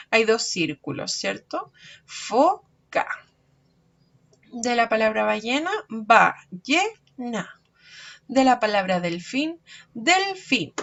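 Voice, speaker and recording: A woman with a cold teaches small children in an online lesson. She talks very slowly and patiently, stretching words out and checking understanding. The recording sounds dull and lo-fi. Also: fairly high pitch. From Chile. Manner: slow, patient, checks understanding with frequent questions. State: has a cold. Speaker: preschool teacher.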